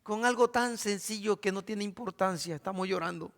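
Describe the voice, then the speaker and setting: A man's voice: sits high, normal speed, vocal fry. A man preaching a sermon as pastor, asking his congregation questions. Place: church. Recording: reverberant church hall.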